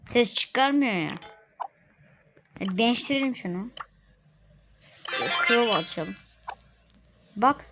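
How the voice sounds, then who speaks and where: Slow, chatty woman with game music. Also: a little high, expressive. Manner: chatty, yells at teammates mid-match. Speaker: gaming video creator. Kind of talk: casual gameplay commentary. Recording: game music clearly behind voice.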